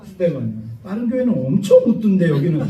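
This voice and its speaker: High-voiced man preaching in echoey church. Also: quick pace. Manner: animated storyteller, acts out voices, jokes with the congregation. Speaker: pastor. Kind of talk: sermon. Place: church sanctuary. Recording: echoey church hall from far off, dull.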